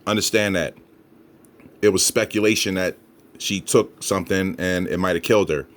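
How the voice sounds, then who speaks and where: Deep-voiced man casually presenting spirit recordings. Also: steady tone, normal speed. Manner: addresses listeners as folks, emphatic repetition. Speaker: paranormal investigator and host. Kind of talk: casual commentary on EVP recordings.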